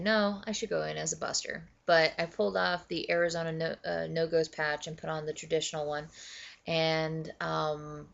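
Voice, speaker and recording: A woman's voice: low voice, creaky, fairly bright tone, dull audio. A young woman telling a long personal story to her camera in a casual, rambling way, full of fillers and restarts. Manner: chatty, many fillers and self-corrections. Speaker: vlogger.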